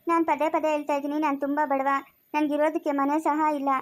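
A woman playing a poor, gentle young male hotel worker who talks in a soothing, coaxing way in a family skit. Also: high-pitched, level tone, fast, close to an everyday voice. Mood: earnest. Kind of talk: amateur family skit acting.

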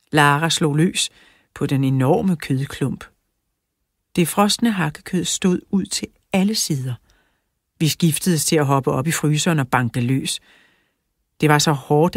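A woman reads a children's book aloud in a steady storytelling manner. Her voice is low and husky. It is recorded close and dry, with no room sound. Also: no room sound. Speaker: audiobook narrator. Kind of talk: children's audiobook reading.

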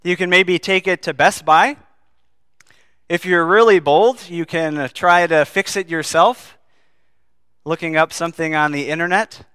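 A man preaching an earnest sermon to his congregation, his voice bright and forceful. The sound is crisp and resonant, recorded dry and close with no room echo. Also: a little high, a little slow. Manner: earnest, asks the congregation questions. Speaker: pastor. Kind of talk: sermon with scripture reading.

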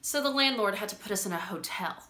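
Bright, rambling, emotional young woman acted by a woman. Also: mid-range voice, lively intonation. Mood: nervous, incredulous. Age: young adult. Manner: halting, rambling, repeating words, swinging between nervous laughter and tearfulness. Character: rambling, emotional, self-conscious woman lonely for human connection. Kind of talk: dramatic stage monologue, naturalistic acting. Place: small room indoors with bare wall. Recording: roomy echo.

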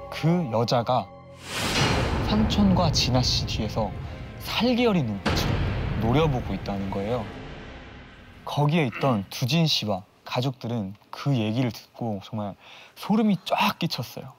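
A man's voice: medium pitch, very animated. Man telling a ghost story over music. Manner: suspenseful, drawn-out pauses. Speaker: storyteller on a horror talk show. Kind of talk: dramatic ghost-story narration. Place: TV studio. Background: eerie background music.

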